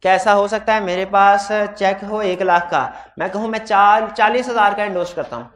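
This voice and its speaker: A man teaching law in a hybrid classroom. He has a sore throat, speaks loudly into a microphone, and keeps putting questions to his students. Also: high voice, moderate pace. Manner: quizzes students with repeated questions. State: throat trouble, talking loudly. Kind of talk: classroom lecture.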